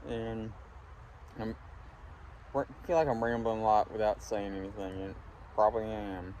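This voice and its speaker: Young man, pipe-smoking ramble, dark relaxed tone, halting, reflective, casual, faint windy noise. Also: fairly low pitch. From Alabama, United States. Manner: talking while smoking a pipe. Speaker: vlogger talking to viewers. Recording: windy, clear background noise. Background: wind.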